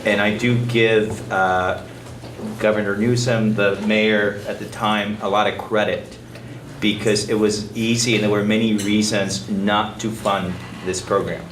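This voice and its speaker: A lower-pitched man from Guatemala speaks at a panel event. He gives personal remarks in an earnest way and often repeats his opening words. His voice is picked up from a distance in a reverberant hall with faint noise behind it. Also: level tone, measured pace. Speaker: city supervisor on a panel. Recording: roomy, distant public-address sound with faint noise.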